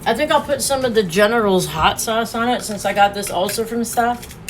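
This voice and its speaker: A woman's voice: fairly high pitch, a little fast, a little hiss or hum, low-quality recording. Chatty woman live-streaming a food review. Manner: chatty, laughs often, talks while eating. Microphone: phone.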